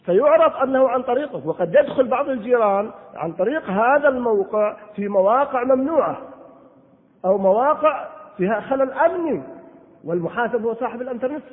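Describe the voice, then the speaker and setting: Guy preaching quick and high, echoey hall, sounds like over a phone. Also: expressive. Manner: earnest, exhorting, voice rises and falls widely. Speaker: Islamic scholar answering questions. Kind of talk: religious lesson. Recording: tinny phone-like audio in a long-echo hall.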